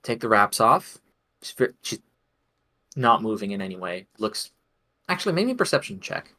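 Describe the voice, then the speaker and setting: A man's voice: on the low side, sing-song, moderate pace, sharp tone. A man narrating a tabletop game as game master, chatty, with frequent laughs and many fillers.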